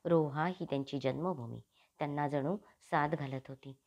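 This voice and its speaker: A woman narrating an audiobook in a measured, devout storytelling manner. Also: low-pitched, fairly even intonation, darkish tone. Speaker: audiobook reader. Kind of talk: scripted narration.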